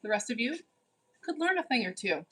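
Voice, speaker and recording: A woman's voice: a little high, very animated, a little fast, pushed and bright, breathy edge, low-quality recording. A woman in her forties hosting a livestream, reading viewers' chat in a teasing, bossy way and scolding rude commenters. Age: 40s. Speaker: livestream host. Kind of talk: casual live chat reading.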